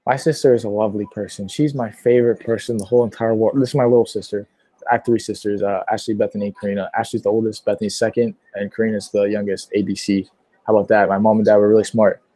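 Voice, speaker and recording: A man's voice: on the low side, flat delivery, quick pace, warm tone. A young man from Pennsylvania chatting casually on a livestream, answering viewer questions with lots of fillers and a sore throat. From Pittsburgh, Pennsylvania. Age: young adult. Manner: rambling, many fillers.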